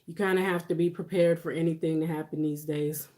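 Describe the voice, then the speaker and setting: A woman in her forties with a slightly low voice chats casually, as on a livestream. She speaks in a conversational, reassuring way, like someone giving personal advice. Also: fairly even intonation, a little fast, darkish tone. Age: 40s. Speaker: livestream host. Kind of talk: casual livestream chat with viewers.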